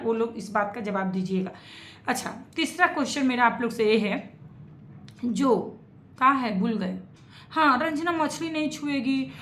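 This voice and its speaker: Woman w/ ranting thru a reaction vid, kinda high voice, repeats stuff, echoey room. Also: a bit bright, a little hiss or hum. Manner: emphatic, repeats points, questions viewers directly. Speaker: reaction vlogger. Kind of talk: opinionated reaction commentary.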